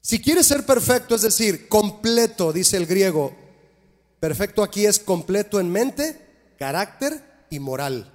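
A man's voice: high voice, big pitch swings, a little slow, a little mellow. A man preaching a sermon as a pastor, emphatic and full of rhetorical questions to his congregation. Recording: long hall reverb.

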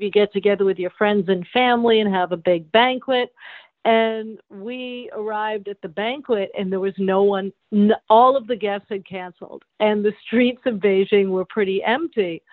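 Woman, gallery director guest, halting recounting, low-quality stream, thin phone-like sound, dry. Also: fairly even intonation, no room sound. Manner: recounting in a halting way with fillers and restarts. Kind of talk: interview answers. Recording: dry, tinny remote call line.

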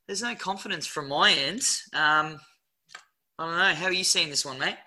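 An Australian man with a very bright, forward voice pitched a little high. He talks through a racing preview as a co-host, casual and blokey, with plenty of slang. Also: moderate pace. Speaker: horse racing tipster and co-host.

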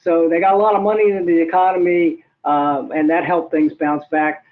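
An older man, an economist, explaining figures in a measured way with many hesitations. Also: fairly high pitch, level tone. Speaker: guest economist. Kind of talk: interview answers. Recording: tinny phone-like line.

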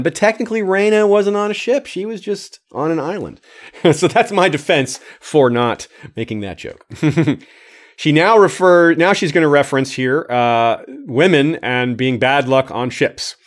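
A man hosting a livestream, reading a listener's comments aloud and adding his own casual remarks. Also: fairly high pitch. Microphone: streaming microphone.

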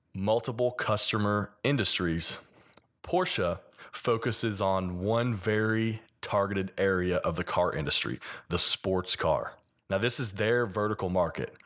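A deep male voice carries a gentle Kentucky Appalachian accent. He talks as a podcast host on his own, explaining ideas in a conversational way and walking through examples. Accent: mild Kentucky Appalachian. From Kentucky, United States. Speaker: podcast host and sports designer. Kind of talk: solo podcast monologue, explanatory.

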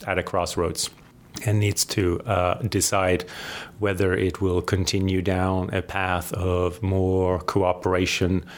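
Deep-voiced man, halting and measured. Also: completely flat delivery. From Sweden. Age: 40s. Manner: measured, hesitant, many fillers and restarts. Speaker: guest academic. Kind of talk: interview answers.

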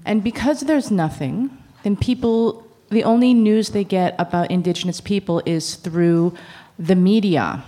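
A woman's voice: medium pitch, measured pace, hardly any pauses, mellow. A woman speaking at a public university talk, blunt and sarcastic, acting out the conversations she recalls. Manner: blunt, sarcastic, acts out quoted exchanges. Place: university lecture event.

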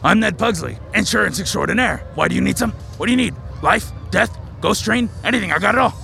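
A man playing a pushy snake-monster insurance salesman, making an eager, loud sales pitch. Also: lively intonation, fast, creaky, soft background music, full character voice.

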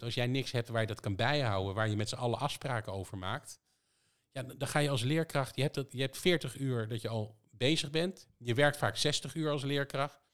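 Talking easily on a podcast, this medium-pitched man describes how his firm's education system operates in schools. He underlines his points by posing rhetorical question after rhetorical question.

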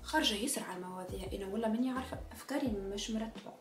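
A woman's voice: fairly high pitch, very fast, reverberant, faint music behind. A woman with a Tunisian accent giving a spontaneous, passionate monologue, repeating her key phrases for emphasis. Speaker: vlogger.

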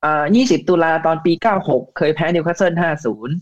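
Casual co-host, blunt and crude, higher-pitched man, muffled lo-fi recording. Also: fast talker. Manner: blunt, crude slang-filled banter. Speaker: podcast co-host. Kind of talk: casual football chat.

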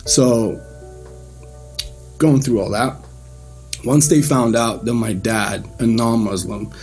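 A man from Iran giving his personal faith testimony to a church group in a casual, loose way, with frequent pauses and restarts. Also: mid-range voice, darkish tone, soft background music.

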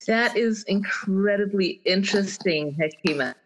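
A woman's voice: mid-range voice, unhurried, low-quality recording. A woman from Zambia hosting a podcast interview, asking questions in an enthusiastic, encouraging way. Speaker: podcast host. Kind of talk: casual interview talk.

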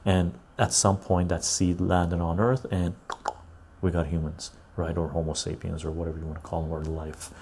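A man's voice: low-pitched, flat delivery, normal speed, noisy background. A man hosting a live stream, reading viewer comments aloud and riffing on them in casual chat, often tagging "right?".

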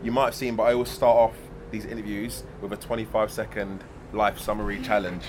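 A man's voice: lowish voice, little pitch movement, fairly quick, noisy background. A man interviewing someone casually, chatty and affirming, often echoing what he hears. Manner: chatty, affirming, echoes the guest's words. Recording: busy crowd chatter behind.

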